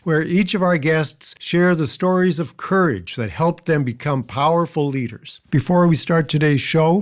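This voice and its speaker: A man reading a scripted podcast intro in a polished announcer style. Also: a little high. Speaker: show announcer. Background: faint music.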